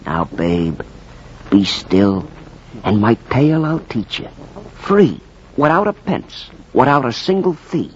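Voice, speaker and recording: An ancient Brooklyn baseball fanatic, menacing and full of streetwise bluster. He drawls rhymed lines slowly and swoops theatrically up and down. It is a muffled old radio drama. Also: medium pitch, very animated, a little mellow. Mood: eerie, boastful. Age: older. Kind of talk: 1940s radio acting in rhymed verse. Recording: muffled, hissy 1940s radio recording.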